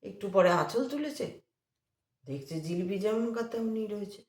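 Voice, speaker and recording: A woman's voice: mid-range voice, animated, moderate pace, a little mellow. A woman storyteller casually retelling a devotional tale in a chatty, repetitive way. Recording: echoey room.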